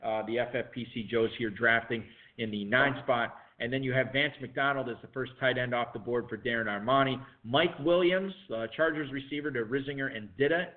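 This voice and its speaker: Man recapping picks over a phone-like line. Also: medium pitch. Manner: brisk, matter-of-fact play-by-play with dry ribbing. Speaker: podcast co-host. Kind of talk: fantasy football draft show talk.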